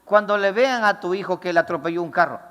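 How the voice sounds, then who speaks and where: A man's voice: high voice, quick pace, a bit bright, in a large hall. A male pastor preaching a fervent, emphatic sermon to a congregation in a church.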